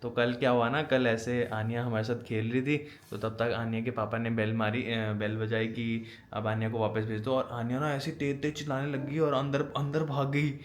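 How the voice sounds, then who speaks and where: A man's voice: medium pitch, little pitch movement, normal speed, few pauses. Chatty young man vlogging at home. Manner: chatty, laughing, playful teasing. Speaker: vlog host. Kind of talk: casual home vlog chat.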